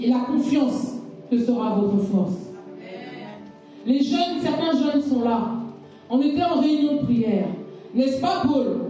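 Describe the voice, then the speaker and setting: A woman's voice: a little high, dark tone. A woman preacher giving a sermon with a personal testimony, telling her story with emphatic repetitions. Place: church hall. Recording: echoey hall from far off, faint music.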